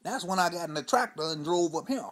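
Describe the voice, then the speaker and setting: Speaking quickly in a high, fairly bright voice with lively intonation, a man does a stand-up character monologue as a crude old Southern spinner of tall tales. The mood is wry, and his rambling, profane drawl keeps circling back to "you know" and "see?".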